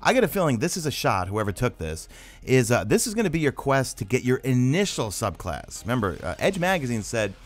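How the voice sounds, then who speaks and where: A man's voice: medium pitch, very animated, fairly quick. A man giving casual, emphatic commentary as a gaming news host, reading out articles and breaking them down conversationally. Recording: voice-over with background music. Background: background music.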